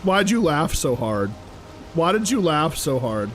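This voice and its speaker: A young male streamer talks to his chat while he plays, his voice set high and swinging widely as he rambles in exasperation, padding his talk with fillers. Soft game music plays underneath him. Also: very animated, measured pace, low-quality recording. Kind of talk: casual live-stream chat while playing.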